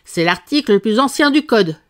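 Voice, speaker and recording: A woman voicing a pompous, blustering fairy-tale king who speaks gravely and often raises his voice. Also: fairly high pitch, lively intonation, fairly quick, pitched above the performer's own voice, natural voice. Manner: grave, pompous, prone to shouting.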